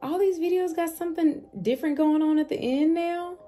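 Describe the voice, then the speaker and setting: This woman reacts to music in a slangy, informal style, hammering points home by repeating phrases, as a reaction video host. Her very high-pitched voice has a dark tone and runs a little fast.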